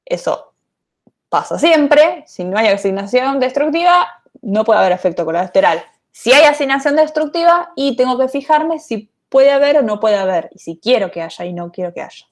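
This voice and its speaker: A woman's voice: on the high side, very animated, moderate pace. A woman giving an online programming lecture, chatty and thinking aloud with many fillers. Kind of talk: online lecture, casual explanation.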